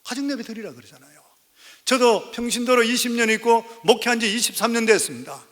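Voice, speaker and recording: A man's voice: extremely high pitch, fairly quick, a bit bright. A man in his fifties, a senior pastor, preaching a sermon, telling a story and then urging the congregation emphatically. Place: church sanctuary. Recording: church hall reverb.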